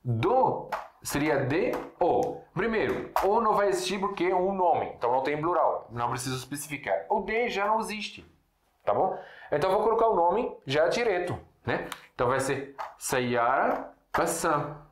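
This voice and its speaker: A man from Syria, a native Arabic speaker, giving a casual video lesson at a board, explaining slowly with repeated examples and frequent check-ins. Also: on the high side, big pitch swings. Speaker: Arabic teacher. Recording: echoey room.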